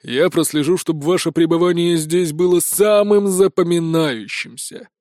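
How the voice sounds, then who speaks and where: Man voicing a big gruff sheriff, cold and threatening, barks his orders; fairly high, dry sound. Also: normal speed, darkish tone, no room sound, lightly acted. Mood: menacing. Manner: barking, threatening.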